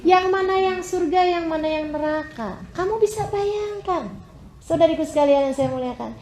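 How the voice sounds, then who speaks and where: A woman's voice: normal speed, echoey room, some chatter behind, a little hiss or hum. A woman preacher giving an emotive sermon and telling stories with wide swings of expression. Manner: animated, emotive storytelling with wide pitch swings.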